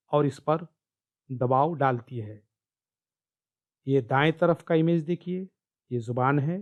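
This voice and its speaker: Calm man teaching Quran pronunciation. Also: mid-range voice, dull audio. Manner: slow, careful, repeats key sounds. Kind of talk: explaining slides in a recorded lesson.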